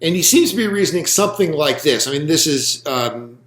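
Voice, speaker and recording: Slow-dictating male lecturer, roomy echo. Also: a little high, lively intonation, fairly bright tone. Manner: slow, deliberate dictation with frequent ums. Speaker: philosophy lecturer. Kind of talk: recorded lecture to camera. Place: room with a whiteboard.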